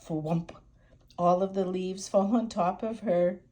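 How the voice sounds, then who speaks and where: A woman's voice: lowish voice, steady tone, takes it slowly, mellow. An older woman reading a picture book aloud as a grandmother, expressively, with chatty asides to young children. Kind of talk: warm storybook read-aloud with chatty asides.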